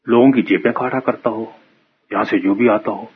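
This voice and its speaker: A man's voice: lowish voice, steady tone, a little hiss or hum, close to an everyday voice. A man voicing a pompous, self-serving older priest who frets and scolds in a storybook tale. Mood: fretful. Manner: suspicious, scolding, self-justifying. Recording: muffled phone-like radio sound.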